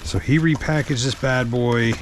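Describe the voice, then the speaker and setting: With a medium-pitched voice at normal speed, a truck-driving vlogger walks through a hands-on task in an easygoing how-to. Noise from his work runs underneath.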